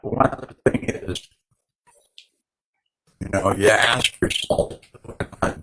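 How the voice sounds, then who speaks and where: A man calling in to a livestream, speaking earnestly and haltingly while his call audio keeps breaking up and cutting out. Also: fairly low pitch, bright, forceful tone, a little hiss or hum. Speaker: caller on a livestream. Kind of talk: casual call-in chat.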